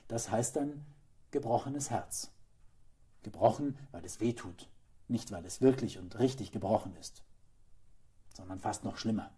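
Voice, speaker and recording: A male actor reading a children's story aloud with gentle, expressive storytelling. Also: medium pitch, husky.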